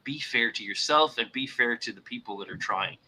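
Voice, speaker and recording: Bright-voiced earnest man in casual chat. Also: medium pitch, fairly quick, breathy edge, rough recording. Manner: earnest, repeats words while thinking; puts on voices to act out examples. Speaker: podcast co-host. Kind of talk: casual mental health chat.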